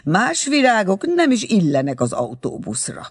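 A man's voice: high-pitched, huge pitch swings, breathy edge, voice pushed up, full character voice. A man reading aloud, voicing a young man who teases and jokes in a mock-serious way. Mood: teasing. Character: joking, teasing young man at a party.

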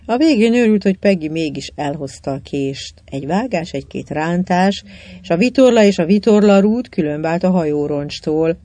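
An audiobook narrator reading a children's adventure novel in an even storytelling manner. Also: medium pitch, dry recording. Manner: even storytelling, lively in dialogue.

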